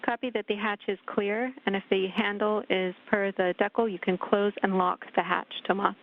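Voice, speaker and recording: A woman's voice: mid-range voice, level tone, normal speed, vocal fry. A woman at mission control reading out step-by-step procedure checks over a crackly radio link. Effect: crackly radio communicator link. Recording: tinny radio line.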